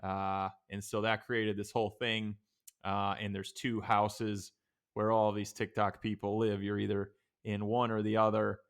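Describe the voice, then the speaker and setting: A man's voice: lowish voice, flat delivery, unhurried, smooth. A young man co-hosting a podcast, explaining things in a laid-back, rambling casual way. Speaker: podcast co-host. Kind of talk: casual chat.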